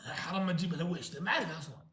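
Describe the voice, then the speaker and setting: A man's voice: fairly high pitch, rapid-fire, a bit bright. A man with a Gulf Arabic accent casually bantering as he plays a guessing game with a friend on a live stream. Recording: echoey room.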